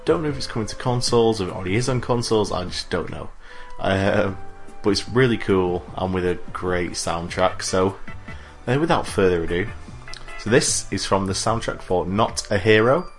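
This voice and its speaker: A man's voice: low-pitched, moderate pace, faint music behind. Laid-back guy. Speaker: podcast co-host. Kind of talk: casual podcast chat.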